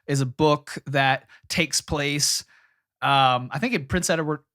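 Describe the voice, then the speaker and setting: A man's voice: on the high side, slow, fairly bright tone, no room sound, studio quality. A young adult man co-hosting a casual podcast chat, talking loosely with many "you know" fillers. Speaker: podcast co-host.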